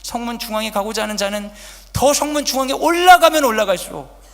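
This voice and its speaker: A man's voice: very high-pitched, expressive, quick pace, gravelly. Pastor guy preaching, voice leaps all over, big echoey church hall. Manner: swings between loud urgent preaching and hushed whispers; asks the congregation direct questions. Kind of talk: sermon. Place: church sanctuary, Friday service. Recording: long church hall reverb.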